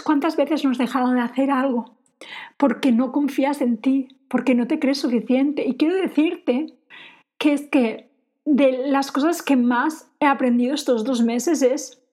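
A woman with a high-sitting, dark-toned voice hosts a motivational podcast, coaching women entrepreneurs. She speaks in an earnest, encouraging monologue, repeating phrases for emphasis.

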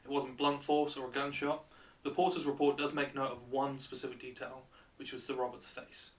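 A man hosting a show as a bright, curious, joking presenter, telling stories in a light-hearted, conversational way. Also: mid-range voice, flat delivery, moderate pace, far from the mic. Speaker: podcast and radio show host.

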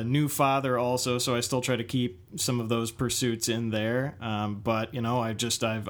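A man's voice: medium pitch, a bit bright. Hesitant man co-hosting a podcast. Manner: hesitant, self-deprecating, lots of uh. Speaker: podcast co-host. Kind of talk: casual chat.

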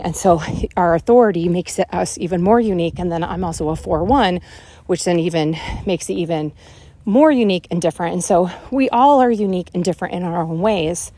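A woman in her forties hosting a casual walk-and-talk monologue, thinking out loud with lots of fillers as she strolls around her neighborhood. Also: lowish voice. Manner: rambling, animated, thinks out loud with many fillers. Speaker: podcast host. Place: walking outdoors around a neighborhood.

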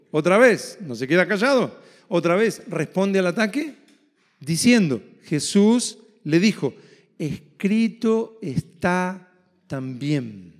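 Male pastor, high voice, emphatic sermon delivery, long echo of a big hall. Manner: emphatic, asks the audience rhetorical questions. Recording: reverberant hall.

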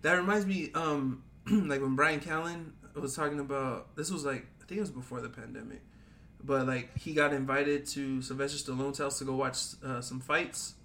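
A man's voice: medium pitch, moderate pace, bright, forceful tone. A young man co-hosting a podcast in casual chat, talking in a rambling, laid-back way full of slang and fillers. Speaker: podcast co-host.

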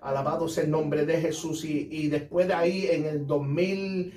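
Brief: fervent male pastor, fairly high voice, stops for praise constantly, roomy sound from a distant mic. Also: fairly even intonation, normal speed, warm tone. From United States. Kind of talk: giving a church testimony on radio.

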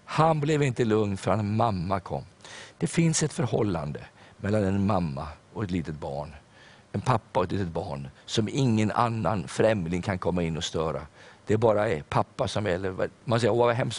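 Older male pastor, lowish voice, sermon delivery, earnest storyteller. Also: expressive. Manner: storytelling, earnest, with filler hesitations.

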